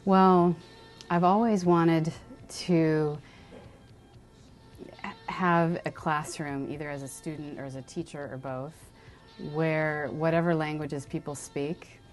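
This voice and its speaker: Low-voiced woman teacher over music. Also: fairly even intonation, takes it slowly. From San Diego, California. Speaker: writing teacher. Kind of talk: documentary interview. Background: background music.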